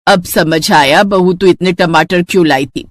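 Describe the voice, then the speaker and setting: एक महिला, कहानी में शिकायत करती, डाँटती बुज़ुर्ग सास की आवाज़ करती हुई।. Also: female voice, on the low side, a little slow, dry recording, clean studio sound, natural voice. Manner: complaining, dramatic. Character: scolding elderly mother-in-law.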